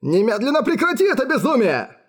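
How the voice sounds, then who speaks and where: A man's voice: very high voice, wildly swooping pitch, a little fast, slightly rough, voice pushed up, full character voice. A man voicing an anguished older father in an audiobook, his voice pleading and shaking. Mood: commanding. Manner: pleading, trembling. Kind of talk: audiobook character voice.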